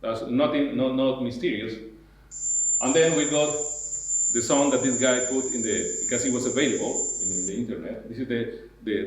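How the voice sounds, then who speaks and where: A man lectures to an audience, his mid-pitched voice breaking into restarts and repeated words as he goes. The sound carries the heavy echo of a big lecture hall. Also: a little mellow. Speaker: university lecturer. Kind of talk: academic lecture.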